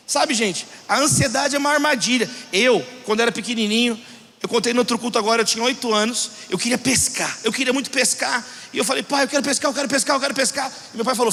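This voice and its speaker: A man preaching a sermon as pastor, telling stories in an animated way and acting out the voices in them. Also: very high-pitched, big-room sound.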